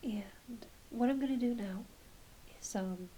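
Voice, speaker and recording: Playing a doctor in an ASMR roleplay, a woman speaks softly and often in a whisper, reassuring her patient gently but somewhat hesitantly. Her pitch is fairly high and her pace unhurried. A clear hiss runs underneath.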